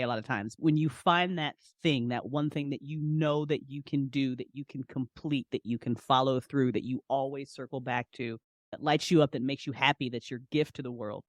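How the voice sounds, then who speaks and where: A woman with an extremely low-pitched voice, captured in a dry recording, speaks as a podcast guest. An audio drama writer and director, she talks casually and passionately, emphatic and repeating phrases for stress.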